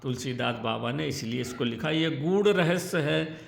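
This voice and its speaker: A middle-aged man speaks as a spiritual teacher, giving earnest step-by-step devotional instruction. His voice is gravelly and sits a little high. The room sounds echoey, with a faint hum of ambience behind him. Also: normal speed. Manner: earnest, instructive, chants syllables and verses.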